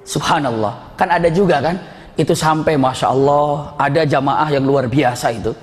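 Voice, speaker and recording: A man, preaching a Ramadan talk with animated storytelling and jokes with the audience. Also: a little high, moderate pace. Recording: long hall reverb.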